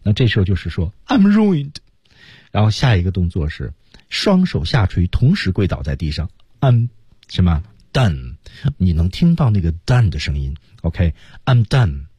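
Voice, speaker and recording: A deep, husky man teaching English on radio, his voice swinging widely as he explains and acts out lines. It sounds dry and close in a studio. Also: very animated, normal speed, warm tone, no echo.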